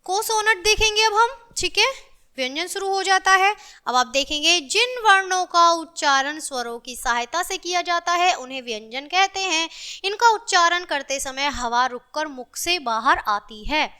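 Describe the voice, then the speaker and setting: High, bright-voiced woman teaching children. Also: expressive. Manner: patient, repetitive, drawn-out enunciation of sounds. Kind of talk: grammar lesson for children.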